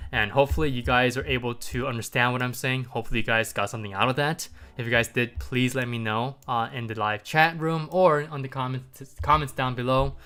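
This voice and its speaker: With a clear, resonant, sharp-toned mid-range voice, this man hosts a market commentary livestream and chats casually with viewers. Congestion makes him sound slightly stuffy, and his loose delivery is full of ums, rhetorical "right?" and light chuckles.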